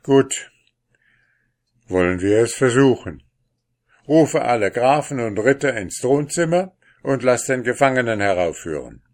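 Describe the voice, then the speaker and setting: A man reading a fairy tale aloud, voicing a stern old king who speaks brusquely and loudly. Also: medium pitch, expressive, measured pace, long pauses, pitched above the performer's own voice, close to an everyday voice. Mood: decisive. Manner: raised, brusque declaiming.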